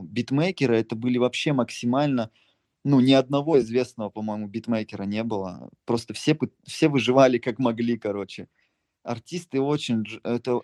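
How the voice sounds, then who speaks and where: A young man from Altai, Russia, who makes beats and produces music, talks as an interview guest in a medium-pitched, slightly mellow voice. His answers are casual and meandering, peppered with slang and sentences he keeps restarting.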